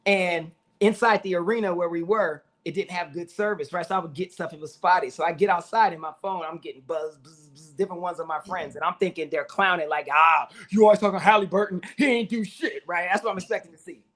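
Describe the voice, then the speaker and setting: Animated high-voiced man talking sports. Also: fast talker, hardly any pauses. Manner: animated storyteller, acts out friends' lines. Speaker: sports show co-host. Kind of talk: casual sports talk.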